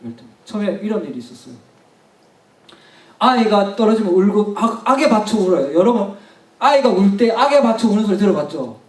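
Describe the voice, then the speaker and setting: High-voiced man preaching in an echoey hall. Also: sing-song, brisk. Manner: storytelling, emphatic repetition, addresses the congregation directly. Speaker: pastor. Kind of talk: sermon. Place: church hall. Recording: echoey hall, mic at a distance.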